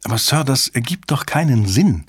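A man voicing a sharp-minded female cryptographer who reasons aloud and questions others. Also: medium pitch, animated, normal speed, husky, dry recording, clean studio sound. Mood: puzzled.

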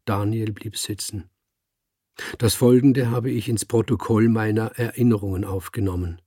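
Man, audiobook narrator, calm, measured, husky voice, dry close sound. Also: on the low side, dry recording. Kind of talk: scripted narration.

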